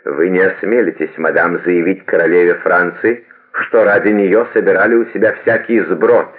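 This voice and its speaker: A man's voice: sits low, expressive, moderate pace. A man reading the part of an irritable young queen with a cold, needling manner. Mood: cold fury. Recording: tinny phone-like lo-fi audio.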